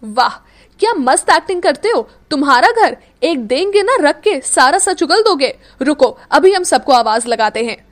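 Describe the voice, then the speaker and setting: A woman's voice: high voice, sing-song, moderate pace, pitched above the performer's own voice. A woman voicing a bold, feisty young woman who taunts cockily, in an audiobook. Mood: taunting. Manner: taunting, cocky, uses "hum" for I. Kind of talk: audiobook character voice.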